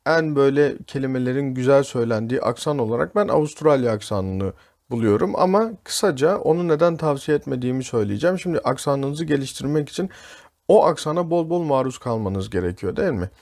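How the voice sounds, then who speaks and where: A man's voice: medium pitch, lively intonation, quick pace, a little mellow. A man with a Turkish accent, an English teacher talking through a podcast lesson and addressing listeners as friends.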